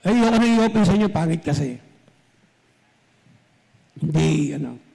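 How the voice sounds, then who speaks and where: A man's voice: a little high, lively intonation, moderate pace, vocal fry, mellow, breathy edge. A man preaching a sermon as pastor, speaking straight to his congregation and switching between Tagalog and English. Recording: long reverb from a large hall.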